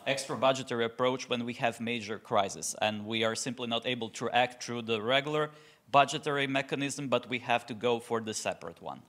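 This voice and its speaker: A man's voice: medium pitch, fairly bright tone. Male panelist from Croatia, earnest policy talk with frequent self-corrections. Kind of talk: panel discussion.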